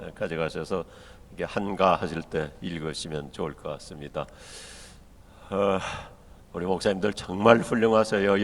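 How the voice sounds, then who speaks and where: An older man with a Chungcheong Korean accent, preaching a humorous sermon to pastors and telling jokes. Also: on the low side. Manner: joking storyteller, acts out dialect and quotes in lively voices. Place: large church hall. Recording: long hall reverb.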